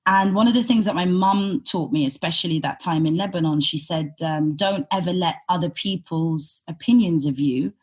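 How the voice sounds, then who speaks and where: A woman in her thirties with a low, slightly husky voice. She is a podcast guest, raised in Britain with roots in Sudan. She recounts her experiences in a thoughtful, reflective interview manner. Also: moderate pace, hardly any pauses. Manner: reflective, thoughtful, with frequent fillers. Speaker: podcast guest, humanitarian consultant. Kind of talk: conversational interview storytelling.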